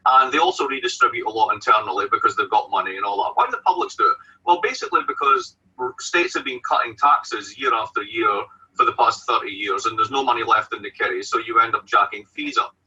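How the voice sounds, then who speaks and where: Fast-talking Scottish man, bright forceful husky voice. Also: fairly low pitch, far from the mic. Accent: broad Scottish. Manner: blunt, colloquial, asks and answers own questions. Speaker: economist and university professor. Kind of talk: animated spoken argument. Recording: dull radio-like sound, off mic.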